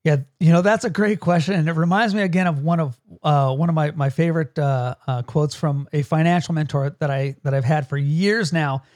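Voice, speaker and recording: A man with a notably high voice, chatting on a podcast as a leadership coach. He laughs often and keeps checking in with "right?". The sound is close and dry. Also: fairly quick, hardly any pauses, a little mellow, no echo. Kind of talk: casual podcast chat.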